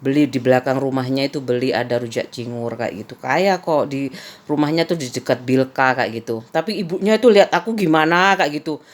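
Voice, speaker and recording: A woman vlogger chats casually in a daily home vlog, telling stories with frequent "kayak gitu" and laughter. Her voice is very deep and her pace a little fast.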